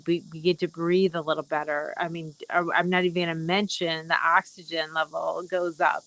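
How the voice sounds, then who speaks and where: A middle-aged woman hosting a casual live wellness broadcast, speaking gently and rambling with many fillers. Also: fairly low pitch, smooth, no room sound, low-quality recording. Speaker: wellness talk host.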